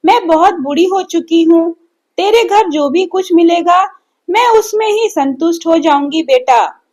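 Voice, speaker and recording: A lonely, grieving old woman in a bedtime storybook, voiced by a woman reader. Her plaintive, self-pitying words come slowly, in a very high voice. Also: lively intonation, darkish tone. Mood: grateful.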